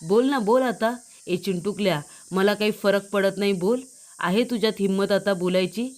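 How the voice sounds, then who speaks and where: Woman reading angry young man, threatening, taunting, retold serial scene, mid pitch. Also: normal speed, close to an everyday voice. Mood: furious. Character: furious young man confronting a villain.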